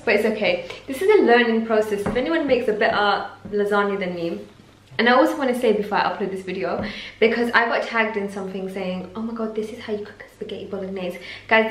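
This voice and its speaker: A medium-pitched woman's voice comes through with a slight hiss or hum. She's a young adult vlogger cooking in her home kitchen, chatting upbeat and rambling to viewers for a casual cooking vlog. Faint background music and a roomy echo round out the sound.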